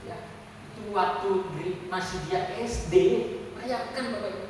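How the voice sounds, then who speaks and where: Captured at a distance in an echoey hall with a faint hiss, this conversational testimony sermon comes from a man with a high-sitting voice and a normal pace. He tells the congregation an open, personal story and addresses them directly.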